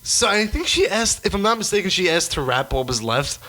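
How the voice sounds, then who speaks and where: A man's voice: high-pitched, big pitch swings, brisk, bright, forceful tone. A young man co-hosting a podcast, telling rambling stories in casual chat and swearing freely. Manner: rambling, profane storytelling. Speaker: podcast co-host.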